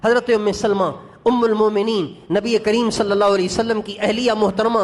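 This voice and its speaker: High-voiced man preaching a sermon. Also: little pitch movement. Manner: emotive, addresses the congregation directly. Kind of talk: sermon storytelling.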